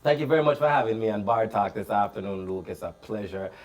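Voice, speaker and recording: Deep-voiced Jamaican man. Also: fast talker. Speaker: guest, community leader. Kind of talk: casual panel talk.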